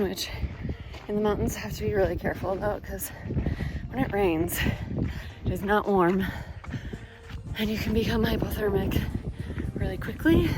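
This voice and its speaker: A woman's voice: medium pitch, background noise. A woman vlogging casually outdoors on a mountain trail, talking slightly breathlessly while hiking and running. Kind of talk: casual self-filmed vlog talk. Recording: music behind the voice.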